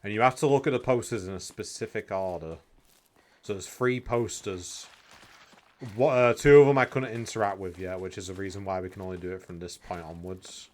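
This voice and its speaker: A man's voice: low-pitched, brisk, darkish tone. A man streaming a game, chatting casually and thinking aloud, sometimes reading guide text under his breath. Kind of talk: casual gameplay commentary.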